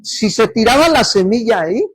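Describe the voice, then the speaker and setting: A man's voice: sits high, expressive, normal speed, breathy edge, no echo. A man preaching a sermon as pastor, often putting questions to the congregation for them to answer. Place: church service.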